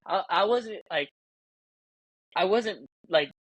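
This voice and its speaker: A man's voice: high-pitched, slow pace, breathy edge, no echo, poor audio. A young man co-hosting a casual podcast, telling a rowdy story with swearing and laughter. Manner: laughing, profane, animated storytelling. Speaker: podcast co-host.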